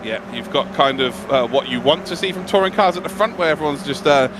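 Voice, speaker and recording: A man's voice: a little high, a little fast, background noise. A man giving live motorsport commentary on esports sim racing, analysing in a conversational, enthusiastic way.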